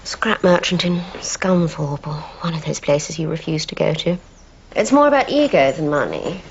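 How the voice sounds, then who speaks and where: A haughty, posh Englishwoman with a dry, cutting way of speaking. Her pitch rises and falls lively on every phrase. The recording sounds muffled, with a faint hiss behind her. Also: normal speed. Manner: crisp, sardonic and haughty. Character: posh, sharp-tongued woman spying for a businessman.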